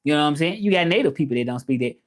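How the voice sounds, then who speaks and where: Rapid-fire and expressive, a slightly high-pitched male voice carries a Memphis Southern accent. He's an informal livestream host from the southern US, rambling and repeating himself while discussing learning languages and going through comments.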